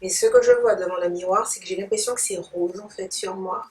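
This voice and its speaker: In a laid-back makeup tutorial, a woman talks playfully in slang, treating her viewers like friends as she demonstrates her look. Her mid-range voice is a little fast with a darkish tone, picked up by a distant mic in a roomy space with music playing.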